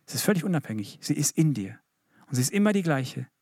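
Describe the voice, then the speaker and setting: A man's voice: a little high, very animated, fast talker, a little mellow, dry recording, clean studio sound. A middle-aged man preaching a sermon in church as the pastor, emphatic and building to fervent appeals.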